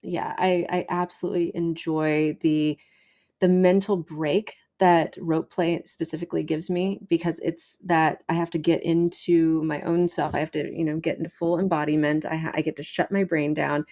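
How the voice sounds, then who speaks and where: A woman's voice: low voice, level tone, moderate pace, dark tone. A woman in her thirties, a sexologist, telling stories in a blunt, profane way and acting out the people she quotes. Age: 30s. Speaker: sexologist guest. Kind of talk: casual storytelling.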